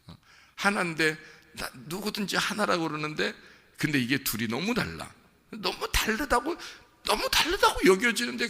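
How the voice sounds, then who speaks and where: A male pastor preaching a sermon, playful and animated, putting questions to the congregation. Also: medium pitch, vocal fry, slightly rough. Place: church sanctuary. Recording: church hall reverb.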